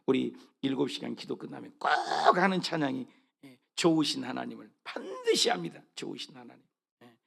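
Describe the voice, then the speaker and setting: A male pastor preaching a sermon, reading scripture aloud with loud fervent rises and soft asides, repeating phrases and asking the congregation questions. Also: mid-range voice, lively intonation, a little fast, vocal fry.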